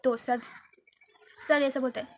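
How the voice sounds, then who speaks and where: Chatty high-voiced young woman. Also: measured pace. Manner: chatty, animated, quotes people in raised voices. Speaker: vlogger. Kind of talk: casual storytime. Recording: faint background noise.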